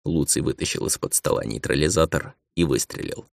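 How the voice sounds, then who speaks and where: A man reading a science fiction audiobook in a measured, subdued narration. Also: extremely low pitch, expressive, gravelly, dry recording, studio quality. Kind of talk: scripted narration.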